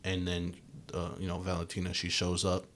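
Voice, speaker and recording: Young male podcast co-host, very low voice, loose rambling delivery full of "like" and "um". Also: completely flat delivery, normal speed, a bit bright, a little hiss or hum. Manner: rambling, filler-heavy, lots of restarts. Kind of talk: casual chat.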